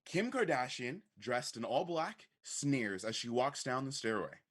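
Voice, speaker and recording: A man's voice: medium pitch, sing-song, measured pace. Man reading stage directions. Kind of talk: scripted narration.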